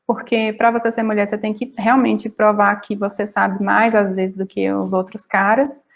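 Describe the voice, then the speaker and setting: A woman with a Northeastern Brazilian accent speaks informally as a guest panelist in an online panel, casually recounting her own experience and often searching for words. Her voice is medium in pitch with vocal fry, and her delivery is flat at a moderate pace.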